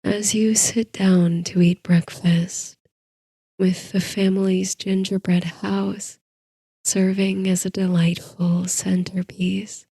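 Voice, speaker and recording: A woman narrating a scripted sleep story in a soft, hushed, soothing manner, leaving drawn-out pauses between phrases. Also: medium pitch, level tone, gravelly, slightly rough, no echo.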